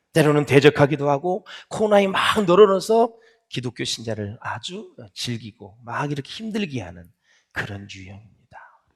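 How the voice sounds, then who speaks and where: A Korean pastor preaching in a church, swinging between loud exclaiming and soft near-whispered asides, asking the congregation questions and answering them himself. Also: male voice, on the high side. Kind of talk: sermon. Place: church sanctuary.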